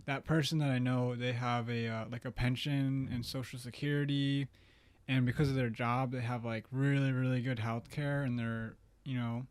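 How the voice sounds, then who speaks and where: A man's voice: mid-range voice, dry recording. A man co-hosting a casual podcast, rambling with lots of filler words and casual swearing. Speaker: podcast co-host. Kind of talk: casual chat.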